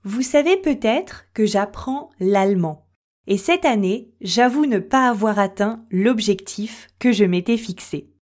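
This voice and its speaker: A woman hosting a French-learning podcast, explaining things slowly and clearly and putting questions and examples directly to her listeners. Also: mid-range voice, expressive, a little mellow. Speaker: French teacher and podcast host.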